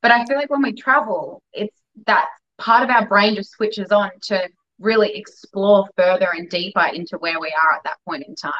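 A woman's voice: medium pitch, moderate pace, a bit bright. Interview guest: woman, conversational, mid-range voice, slightly lo-fi sound. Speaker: interview guest, fashion stylist. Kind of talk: casual interview chat.

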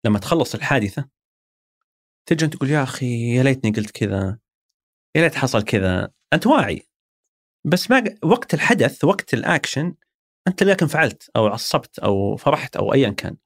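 A man's voice: medium pitch, very animated, fast talker, long pauses, no echo. A man with a Saudi accent, a guest in an interview, talking thoughtfully and explaining ideas through everyday examples. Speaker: interview guest, former marketing executive. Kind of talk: reflective conversational interview.

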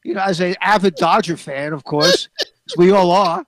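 A man's voice: high voice, very animated, normal speed, a little hiss or hum. A man with a Brooklyn accent bantering as a sports talk host, speaking in emphatic, short, punchy phrases. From New York, USA.

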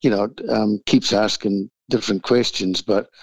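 A man with a croaky frog voice from the flu, talking in an easygoing, informal way as an interview guest. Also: lowish voice, steady tone, moderate pace, no echo. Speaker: race track owner, interview guest. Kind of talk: casual interview. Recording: muffled, dull lo-fi sound.

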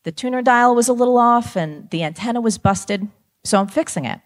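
A woman putting on a tough, handy mother who waves off any fuss. The voice is brisk and matter-of-fact, a bit higher and tenser than the speaker's own. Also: lively intonation, big-room sound, natural voice. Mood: breezy. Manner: brisk, dismissive reassurance.

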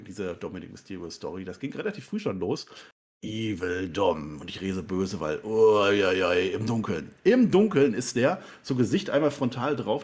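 A man co-hosting a casual wrestling recap, animated and jumping into high mocking voices when quoting people. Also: breathy edge. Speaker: podcast co-host.

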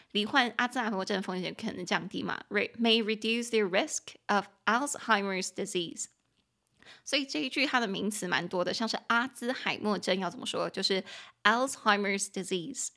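A young woman hosting a bilingual podcast English lesson, who reads phrases slowly, spells words letter by letter, and giggles when a word embarrasses her. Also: medium pitch, bright, forceful tone. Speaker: podcast host and English teacher.

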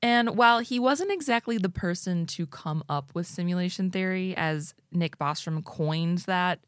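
A woman's voice: lowish voice, moderate pace, clean tone, dry recording, studio quality. A woman co-hosting a podcast recorded in an attic, telling a story in a casual, informal way. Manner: informal, swearing. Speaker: podcast co-host.

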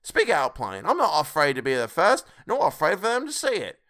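A man's voice: on the high side, wildly swooping pitch, a little fast, pushed and bright, pitched above the performer's own voice, exaggerated voice. A man voicing a brazen, defiant working-class woman in a storybook reading, strident and scornful. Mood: scornful, bold.

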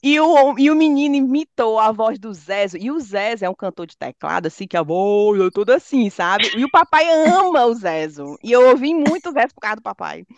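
Lively, animated woman. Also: on the high side, brisk, hardly any pauses, no echo, muffled recording. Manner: animated storyteller who laughs often. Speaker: podcast co-host. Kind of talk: casual chat among friends. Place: lives in London, recorded remotely.

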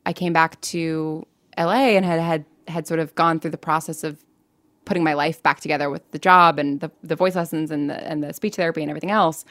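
Low-pitched and fairly bright, a young American woman's voice moves a little fast with fairly even intonation as she casually shares her story in an interview. A podcast creator and actor, she's chatty and self-deprecating and laughs while talking; the recording has no room sound.

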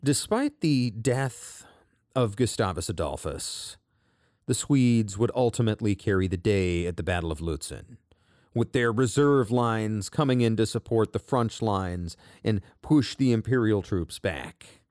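A man with a lowish voice narrates history from a script, sounding dry and close with no room around him. He reads long quoted passages aloud and builds energy as he goes. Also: lively intonation, a little slow, a little mellow, no room sound.

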